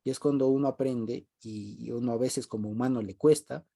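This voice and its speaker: Mellow-voiced man leading a Bible study. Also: medium pitch, fairly even intonation, a little fast, vocal fry. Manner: conversational, repeats key phrases, chuckles often. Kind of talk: informal group Bible teaching.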